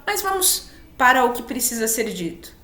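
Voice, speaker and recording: A Brazilian woman speaks with a Brazilian Portuguese accent in a fairly high, very lively voice, swinging her pitch as she teaches. Her spiritual talk is emphatic and she voices little quoted exchanges along the way. The sound carries a clear roomy echo. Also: normal speed.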